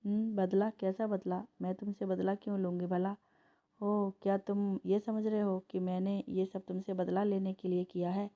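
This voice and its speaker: A woman voicing a lively young woman who chats and protests with her boyfriend. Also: medium pitch, natural voice. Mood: chatty. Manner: chatty, quick to protest. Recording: dull lo-fi recording.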